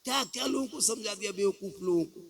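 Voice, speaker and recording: A man in his fifties with a Jharkhand Hindi accent, preaching to a crowd on a microphone, shifting from quiet reasoning to shouted, sung declamation with humorous rhetorical questions. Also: high voice, fast, creaky. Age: 50s. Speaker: Islamic preacher. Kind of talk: sermon to a crowd. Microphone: mic through a loudspeaker system.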